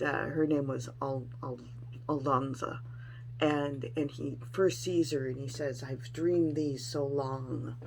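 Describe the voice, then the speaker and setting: A woman's voice: low-pitched, darkish tone, slight background noise, rough recording. A middle-aged woman talking in a casual personal vlog, rambling and frank with some salty language. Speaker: vlogger sharing weight-loss surgery experience.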